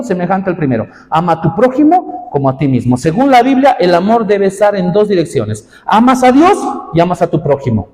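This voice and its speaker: Impassioned male pastor in a reverberant hall. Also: darkish tone. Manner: impassioned preaching, rising in pitch for emphasis. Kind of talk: sermon to young people. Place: church.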